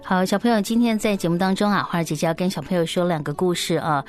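A woman hosting a children's story programme, speaking in animated, simple, explanatory phrases as if reading to small children, with soft particles ending many sentences. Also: lowish voice, fast talker, soft background music.

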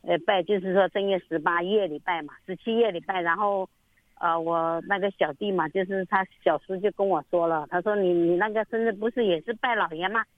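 A woman's voice: lowish voice, steady tone, a little fast, no room sound. Middle-aged woman caller, rambling and repetitive, tinny phone line. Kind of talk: phone-in call.

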